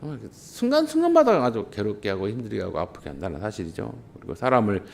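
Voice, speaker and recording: Low-voiced man preaching with passion. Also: sing-song, fast, creaky, darkish tone. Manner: emphatic, impassioned preaching. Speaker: pastor. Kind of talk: sermon.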